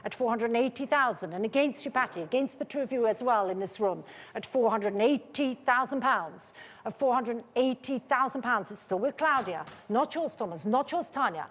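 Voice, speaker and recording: A woman's voice: on the high side, animated, fairly quick. Woman auctioneer calling bids in a reverberant hall. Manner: repeats bid figures insistently, polite and controlled. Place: large indoor auction room. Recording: reverberant large saleroom.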